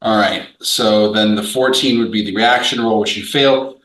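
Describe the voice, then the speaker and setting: A man with a low, bright, forceful voice describes his character's spell at the table. He checks the rules carefully, and his voice rings in an echoey room. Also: normal speed, distant mic. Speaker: player.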